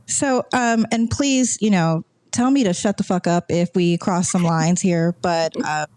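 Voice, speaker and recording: A woman's voice: fairly low pitch, a little slow, darkish tone, no echo. A woman co-hosting a podcast, earnest and effusive, often repeating her thanks. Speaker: podcast co-host. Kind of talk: casual chat.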